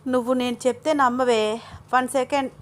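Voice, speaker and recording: Cheeky little sister voice, pleading and playful, high, woman putting it on. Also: level tone, fairly quick, close to an everyday voice.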